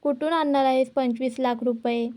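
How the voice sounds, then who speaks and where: A woman's voice: high voice, steady tone, normal speed, mellow, natural voice. Woman reading as an angry young husband. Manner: irritated, scolding.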